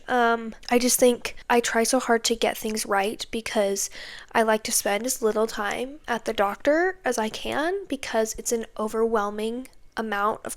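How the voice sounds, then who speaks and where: A young woman hosting a podcast, venting in a casual monologue full of fillers and exasperated asides. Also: fairly high pitch. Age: young adult. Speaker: podcast host.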